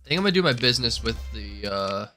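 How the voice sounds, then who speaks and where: A man's voice: mid-range voice, very animated, fast talker, sharp tone, soft background music. A young man streaming a space strategy game, thinking aloud and mocking his own mistakes with frequent exclamations. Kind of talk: casual gameplay commentary.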